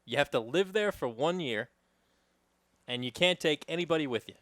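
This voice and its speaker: A man's voice: a little high, expressive, moderate pace, fairly bright tone, dry recording. A man with a New York accent co-hosting a podcast, teasing his friend with hypothetical questions in casual banter. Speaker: podcast co-host.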